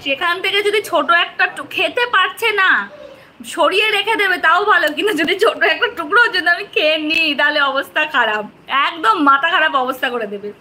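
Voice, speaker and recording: A woman's voice: extremely high pitch, expressive, a little fast, pushed and bright. A woman, a mother vlogging at home on her phone, coaxing and teasing her small son in a sing-song voice. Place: at home indoors.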